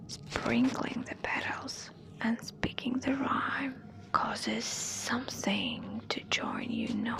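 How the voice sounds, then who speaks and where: A woman reads a scary story as whispered ASMR. Her delivery is very slow, soft and deliberate. The hushed voice sits fairly high and carries a crackly, creaky edge.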